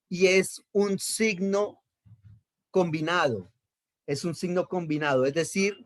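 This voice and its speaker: A man teaching a Bible lesson on Hebrew accent marks, explaining patiently, repeating key terms and checking in with his listeners. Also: fairly high pitch.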